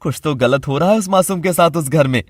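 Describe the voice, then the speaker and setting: A man voicing a gentle, soft-spoken father in an audio drama. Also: fairly high pitch, fairly quick, no room sound, studio quality, lightly acted. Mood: wry. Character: gentle wounded father, a doctor.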